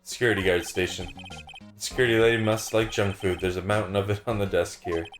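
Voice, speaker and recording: A man's voice: fairly low pitch, steady tone, fast, over music. A man streaming a game, casually reading on-screen text and making wry remarks. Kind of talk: casual let's-play banter. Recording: roomy echoey stream audio.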